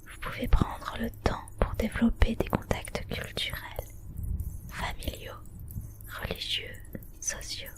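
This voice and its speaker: A woman whispers softly and breathily in an ASMR style, giving measured, instructional wellness advice in short phrases.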